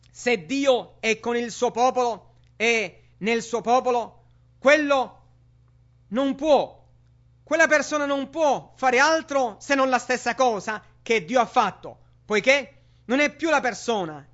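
A man's voice: extremely high pitch, a bit bright. A man preaching a sermon with emphatic rhetorical questions to the congregation. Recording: dull lo-fi sermon recording.

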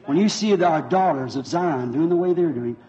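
A man preaching with fervent, folksy repetition. His voice is mellow and sits a little high. It comes through a dull, lo-fi old sermon recording. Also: normal speed. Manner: fervent, folksy, repeats himself. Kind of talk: revival sermon with interpreter.

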